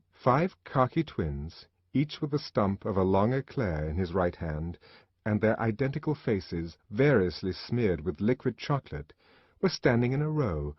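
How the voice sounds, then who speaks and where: A man narrating a literary novel in a dramatic, expressive reading. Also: on the low side, slightly rough, dry recording. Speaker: audiobook narrator. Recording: dull lo-fi audiobook recording.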